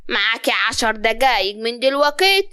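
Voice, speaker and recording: Woman voicing a domineering older mother-in-law, Upper Egyptian accent, high bright scolding voice, dry sound. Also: expressive, moderate pace, smooth, no room sound. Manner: scolding, commanding.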